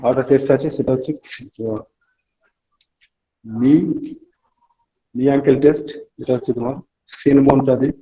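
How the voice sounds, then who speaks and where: A man's voice: mid-range voice, steady tone, moderate pace, pauses often, dark tone. A man teaching a clinical examination at a hospital bedside, explaining tests to students and giving instructions to a patient. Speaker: medical lecturer. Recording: dull lo-fi recording.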